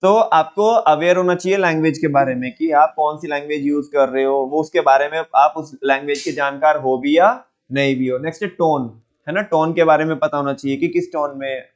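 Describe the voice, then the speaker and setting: A man teaching a class in a relaxed, conversational way, often checking that students follow. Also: on the high side, brisk, hardly any pauses, highs cut off. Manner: conversational, with frequent rhetorical check-ins. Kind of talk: classroom lecture.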